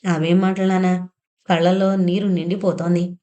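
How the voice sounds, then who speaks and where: A gentle young daughter calms her worried father, her voice low and mellow, as a woman narrator reads her part. She speaks softly and soothingly in this audio novel. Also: normal speed, close to an everyday voice. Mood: consoling. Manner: soothing, consoling.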